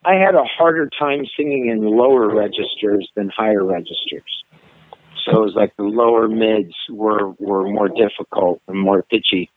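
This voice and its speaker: This is a casual phone-line interview with a middle-aged singer whose voice is fairly low and whose speed is normal. He hesitates and restarts often, and the recording is dry and tinny.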